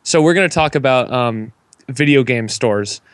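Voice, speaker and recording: A man's voice: medium pitch, moderate pace, clean tone, no echo. A young man hosting a casual gaming podcast, rambling and joking with plenty of fillers. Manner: rambling, self-deprecating, lots of fillers. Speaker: podcast host.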